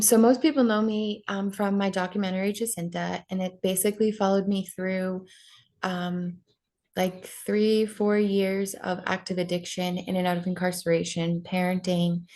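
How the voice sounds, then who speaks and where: Appearing on a podcast, a Maine woman in her 20s speaks candidly about her life in a personal interview, with plenty of ums and likes. She talks a little slowly in a fairly low, a little mellow voice with little pitch movement.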